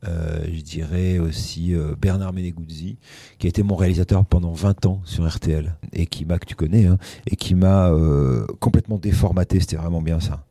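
A man's voice: sits low, steady tone, a little fast, warm tone, no room sound. A middle-aged man, a radio host, telling career anecdotes in casual interview chat with frequent restarts. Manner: anecdotal storytelling with many restarts.

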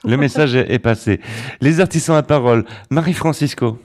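A man's voice: medium pitch, fairly quick, a little mellow. A man hosting an interview show, talking with many hesitations and fillers. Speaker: show host.

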